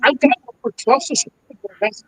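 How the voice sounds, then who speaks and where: A man talking casually over a video call, his voice high-pitched and very dry. The connection keeps breaking up, so his audio cuts in and out in glitchy, bubbly, underwater-sounding bursts. He talks hesitantly, trailing off and starting over. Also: a little fast, fairly bright tone, slightly rough, no room sound, rough recording. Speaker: panel regular on a live show.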